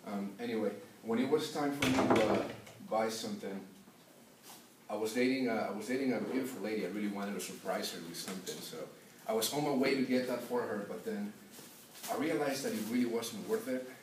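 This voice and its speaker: A student giving a class speech, a young man who grew up in Peru, shares a personal story and frequently stalls on fillers. He sounds somewhat low and far away, in an echoey classroom with a faint background hum.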